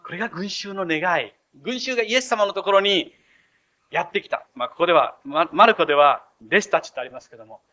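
A man's voice: high-pitched, lively intonation, brisk, sharp tone, dull audio. A male pastor preaching an expository sermon, retelling scripture in a storytelling way with acted voices.

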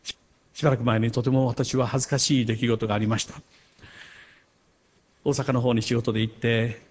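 A man preaching a sermon as a pastor, earnest, swelling louder on key points and dropping softer when telling a personal story. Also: mid-range voice, level tone, brisk, slight background noise.

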